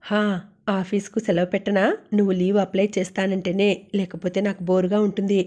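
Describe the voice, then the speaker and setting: A woman voicing a gentle, wistful young working woman talking with her roommate and father. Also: mid-range voice, flat delivery, a little fast, natural voice.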